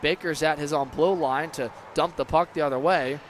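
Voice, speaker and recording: A man's voice: a little high, normal speed. A man doing live play-by-play commentary of an ice hockey game. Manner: erupts into excited shouts on big plays. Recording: clear background noise.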